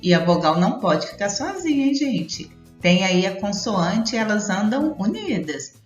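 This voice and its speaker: A woman's voice: mid-range voice, sing-song, a little slow. A woman teaching young children, stretching out syllables in a sing-song way. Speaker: primary school teacher. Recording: roomy, dull sound with soft music.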